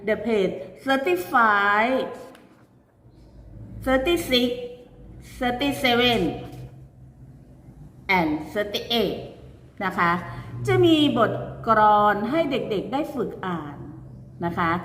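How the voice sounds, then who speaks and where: A woman from Thailand teaching a primary school class, reading words out slowly and clearly for pupils to repeat and mixing in simple English phrases. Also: fairly high pitch, animated, fairly bright tone, slight background noise. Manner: reads words out then repeats them clearly for pupils to copy. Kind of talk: recorded online class lesson. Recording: echoey room with long reverb.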